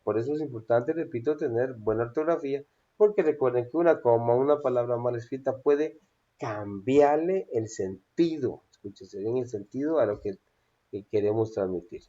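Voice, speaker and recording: A man teaching a lesson on public speaking in a measured, instructive way, often addressing his listeners directly. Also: medium pitch, mellow. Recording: dull lo-fi phone recording.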